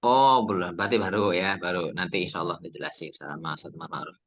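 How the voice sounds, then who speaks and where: Bright-voiced male Quran teacher. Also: deep voice, steady tone, lo-fi sound. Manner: patient, drills letter sounds by repeating them slowly. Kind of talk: online Quran reading class. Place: online video class.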